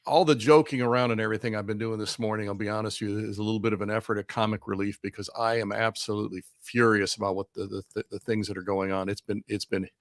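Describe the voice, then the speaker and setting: A man's voice: fairly low pitch, little pitch movement, fast talker, hardly any pauses, no echo, studio quality. A man speaking as a remote guest over a video call, giving heated, emphatic political commentary and often repeating words. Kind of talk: talk show commentary. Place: Missouri.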